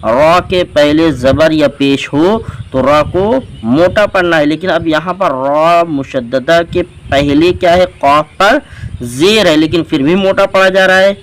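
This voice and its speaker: Man, Quran reading teacher, very slow, spells syllables aloud, faint background hiss. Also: on the high side, fairly bright tone, rough recording. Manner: spells letters and vowel marks one by one, repeating syllables. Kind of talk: slow step-by-step recitation lesson.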